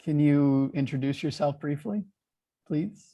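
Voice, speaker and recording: An American man hosting a casual online English conversation, relaxed and friendly, patiently asking questions over a video call. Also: fairly high pitch, unhurried, vocal fry, dull audio. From United States.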